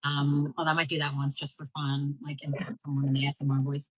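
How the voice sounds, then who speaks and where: A woman's voice: low-pitched, flat delivery, fast, husky, dry recording, low-quality recording. An American woman hosting a casual livestream conversation. She speaks bluntly and directly, with many fillers. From United States. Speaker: host.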